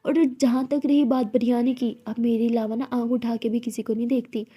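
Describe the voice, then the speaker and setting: A woman's voice: fairly high pitch, little pitch movement, moderate pace, warm tone, slightly rough. A woman voicing a possessive, hot-tempered young woman in love who scolds and bosses her partner. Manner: bossy, scolding.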